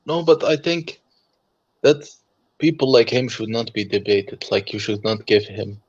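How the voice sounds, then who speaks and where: A man's voice: fairly low pitch, animated, measured pace, breathy edge, highs cut off. A man joining a livestream as a guest, speaking casually in brief, hesitant remarks. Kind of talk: casual conversation.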